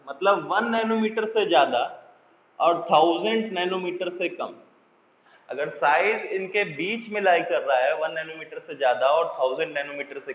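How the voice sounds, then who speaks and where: A man teaching a chemistry class, often asking if students have understood and slowing down to dictate definitions. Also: a little high, reverberant, long reverb tail, muffled recording, slight background noise. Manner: keeps checking understanding with repeated questions; mixes in English phrases, slows to dictate definitions. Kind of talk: classroom lecture.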